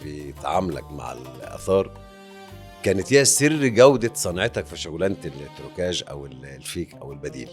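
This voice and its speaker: A man's voice: rumbling low, expressive, quick pace, soft background music. A man with an Egyptian Arabic accent hosting a podcast interview, chiming in often and finishing his guest's sentences. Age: 60s. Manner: engaged, frequent backchannel agreement, finishing the guest's sentences. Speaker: podcast host. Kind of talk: casual interview talk.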